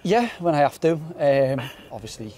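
A young man in his twenties, a footballer giving a post-match interview outdoors on a floodlit pitch at night, earnest and repeating words as he thinks. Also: very animated, normal speed, mellow. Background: faint outdoor stadium ambience.

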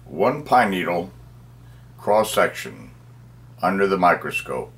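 A middle-aged man presenting a scripted science demonstration, speaking deliberately as if dictating, phrase by phrase. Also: sits low, very animated, vocal fry, a bit bright, husky. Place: small cluttered indoor workroom.

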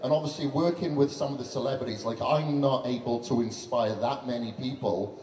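A man's voice: mid-range voice, a little fast, darkish tone. Chatty man speaking in an echoey hall. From Western country. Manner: chatty, earnest, many fillers like "you know". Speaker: fitness trainer and guest speaker. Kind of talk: on-stage speech at a launch event. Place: large event hall on stage. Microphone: handheld mic. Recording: roomy hall echo with faint background noise.

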